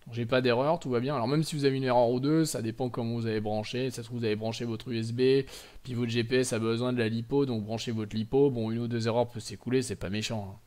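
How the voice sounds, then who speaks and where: A man's voice: mid-range voice, steady tone, quick pace, a little mellow. Chatty French man explaining drone settings. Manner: chatty, many fillers and self-corrections. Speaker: drone tutorial host. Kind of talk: casual screen-recorded tutorial. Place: indoors at home.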